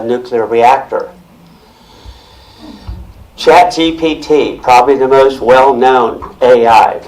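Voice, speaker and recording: This guest speaker on technology addresses a club audience in a meeting room through a speaker system, using a handheld or stand mic. He talks loudly and clearly at an ordinary middle pitch, often restarting and repeating words while explaining. The recording is rough.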